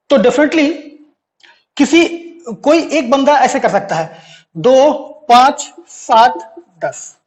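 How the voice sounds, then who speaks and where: Young male maths teacher, high voice, unhurried, answers his own questions. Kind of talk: classroom lecture.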